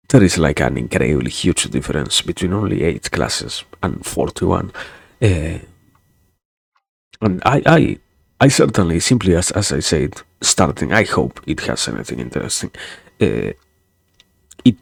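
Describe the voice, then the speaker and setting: In a dry recording, a young man speaks in a low, creaky, slightly rough voice with a non-native English accent. As a virtual streamer in casual livestream chat, he wanders hesitantly, repeats words, and leans on wry sarcasm.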